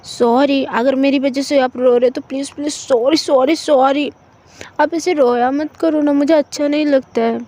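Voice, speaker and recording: A woman's voice: sits high, fairly even intonation, normal speed, warm tone, voice pushed up, natural voice. A woman doing pleading, apologetic young woman in love. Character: young woman pleading with her upset girlfriend.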